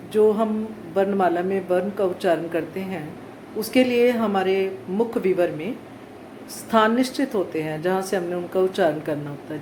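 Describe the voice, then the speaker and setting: A woman teaching Hindi pronunciation to children, speaking slowly and stretching out each example word. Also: lowish voice, warm tone. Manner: slow, deliberate, stretching out example words. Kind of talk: slow classroom explanation to children. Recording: echoey room with faint ambient noise.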